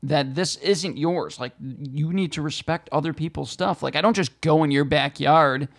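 A man co-hosting a podcast in casual chat, grumbling and getting loud when something annoys him. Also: fairly high pitch, moderate pace, vocal fry. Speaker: podcast co-host.

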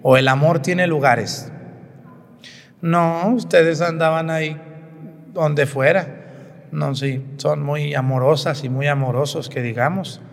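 A man's voice: on the high side, steady tone, takes it slowly, vocal fry. A priest giving a homily at Mass. He tells the story and asks the congregation questions, with playful jokes. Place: church. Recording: long church reverb.

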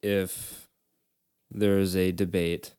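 A man's voice: low-pitched, little pitch movement, takes it slowly, dark tone, smooth, no room sound, clean studio sound. A young man hosting a podcast, chatting casually in a laid-back, joking way with frequent fillers and restarts. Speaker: podcast host. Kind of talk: casual chat.

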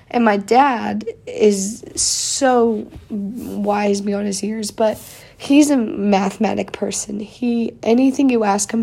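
Her voice is mid-range, gravelly and dark. She's a young podcast host doing a casual solo show, a bit congested from a cold and rambling chattily with many fillers.

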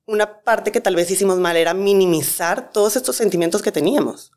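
A woman, a guest expert calmly explaining grief with examples in a talk-show conversation. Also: medium pitch, a little fast.

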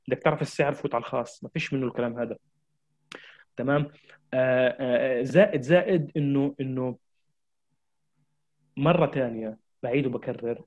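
A man's voice: mid-range voice, a little mellow, lo-fi sound. A man gives a marketing lecture, addressing his audience directly with urgent, repeated exhortations. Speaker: marketing trainer.

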